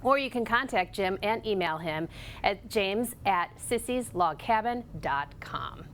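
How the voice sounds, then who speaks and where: A woman's voice: medium pitch, expressive, a little slow, slight background noise. A woman presenting as a lifestyle show host, in conversational sales patter with frequent check-in tags. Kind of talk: presenting products to viewers.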